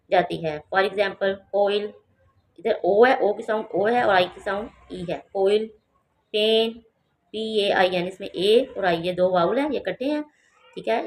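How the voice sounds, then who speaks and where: A woman teaching a children's lesson at home, reading English sentences slowly and then explaining them in Urdu. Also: medium pitch, darkish tone.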